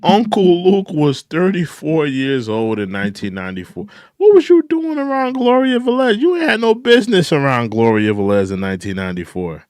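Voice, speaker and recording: A man's voice: a little high, wildly swooping pitch, moderate pace, hardly any pauses, darkish tone, no echo, studio quality. A man in his thirties hosting a reaction commentary, incredulous and repetitive as he speaks directly to the person he criticizes. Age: 30s. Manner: incredulous, repeats points, addresses his target directly. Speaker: commentary channel host.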